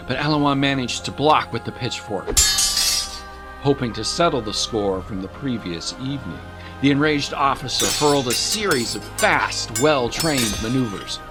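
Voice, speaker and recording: A music bed backs a man's dramatic audio-drama narration. He reads the script in a measured, descriptive way, his voice sitting at medium pitch.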